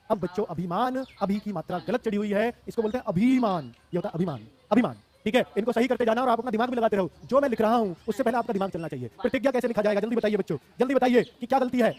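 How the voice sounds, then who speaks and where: A man's voice: high voice, a little mellow. A man in his thirties with a Hindi accent, teaching a live online class for exam students, emphatic and repeating words to drill them.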